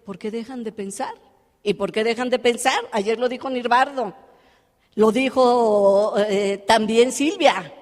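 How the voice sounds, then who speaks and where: Woman, motivational speaker on stage, animated storytelling, high-ish voice, long hall echo. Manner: lively storytelling, acts out quoted dialogue. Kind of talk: live motivational talk.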